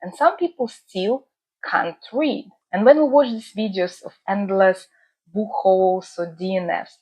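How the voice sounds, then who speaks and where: Her mid-range voice has a darkish, slightly rough tone, and the audio quality is poor. This Russian woman, at home in the UK, talks reflectively to camera for her book channel's viewers, earnest and measured, with frequent "uh" pauses.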